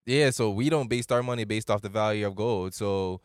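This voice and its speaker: A man's voice: on the low side, a little fast, clear, resonant tone, dry recording, studio quality. A man in his late twenties, hosting a loose, rambling casual chat with plenty of slang. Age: late 20s.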